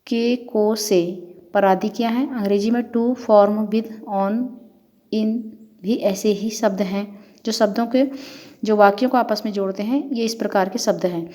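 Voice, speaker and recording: A woman's voice: medium pitch, mellow. A woman professor giving an academic lecture, working methodically through numbered points and examples. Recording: long hall reverb.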